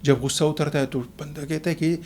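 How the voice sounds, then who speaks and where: A man, a guest on a talk program, explaining calmly in a measured, lecturing way with everyday examples. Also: on the high side. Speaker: expert guest. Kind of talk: explanatory talk show answer.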